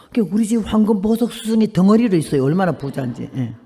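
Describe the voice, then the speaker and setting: An elderly woman in her eighties delivers a sermon as a missionary preacher, telling her story with lively drama and acting out each person in it. Her voice carries the long reverb of a large church hall. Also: mid-range voice, quick pace, creaky. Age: 80s. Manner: animated, acts out the people in her story.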